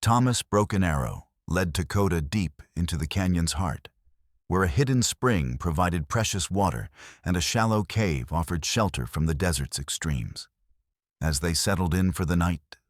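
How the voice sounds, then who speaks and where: A man narrating a scripted western story in a slow, dramatic storytelling manner. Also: sits low, dry recording, clean studio sound.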